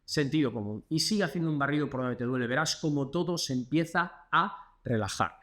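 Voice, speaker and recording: Speaking briskly on the high side with a fairly bright tone, a Spanish-accented physiotherapist from Spain walks through exercises, chatting, instructing and counting out the reps.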